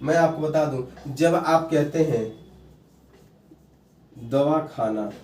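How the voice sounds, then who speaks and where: A man's voice: a little high, steady tone, measured pace, a little mellow, slight background noise. A male teacher giving a grammar lesson, repeating key terms and quizzing his students with questions. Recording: echoey room, voice a bit far from mic.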